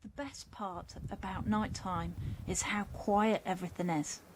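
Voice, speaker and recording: A woman presenting scripted nature narration for children in a playful, expressive storytelling way. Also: mid-range voice, measured pace, noisy background.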